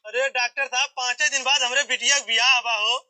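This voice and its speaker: A man's voice: very high-pitched, fairly even intonation, a little fast, pushed and bright. Pleading man in a rustic comedy skit. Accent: Bhojpuri-flavoured Hindi. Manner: pleading, dramatic village talk. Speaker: comic actor in village skit.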